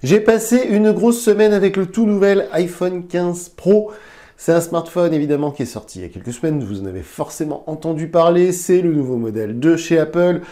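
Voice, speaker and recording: Nasal and congested from a cold, this channel host runs a casual tech review into a lapel mic, speaking briskly with plenty of fillers and restarts. His voice sits on the high side and sounds mellow.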